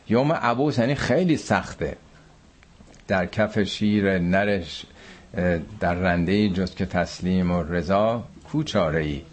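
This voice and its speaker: Iranian-born guy giving a quran lesson, lowish voice, chants the verses slow then explains casual. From Iran. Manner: recites Arabic verses slowly, explains in colloquial speech. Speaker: Quran teacher.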